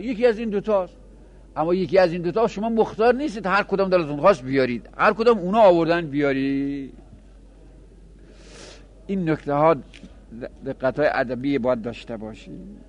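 A man teaching a grammar lesson to seminary students, chanting example words slowly and then explaining them in quick asides. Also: on the high side. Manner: addresses students directly, with small laughs. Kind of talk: classroom lecture on Arabic grammar.

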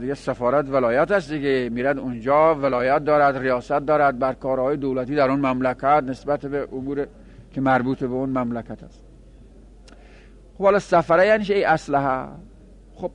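A man teaching a grammar lesson to seminary students, chanting example words slowly and then explaining them in quick asides. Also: mid-range voice. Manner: addresses students directly, with small laughs. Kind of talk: classroom lecture on Arabic grammar.

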